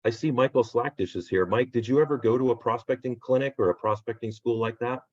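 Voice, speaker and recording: A man hosting a real estate agent training on a video call, upbeat and rambling, losing his voice and clearing his throat. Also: mid-range voice, fast talker. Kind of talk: casual video call pep talk. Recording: dull lo-fi video call audio.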